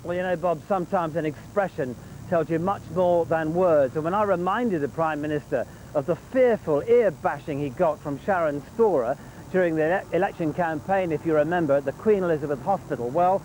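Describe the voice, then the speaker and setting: A man's voice: on the high side, fairly quick, darkish tone, low-quality recording. A man giving a live political report as a correspondent, speaking conversationally from outdoors. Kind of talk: live two-way news report. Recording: street traffic noise behind.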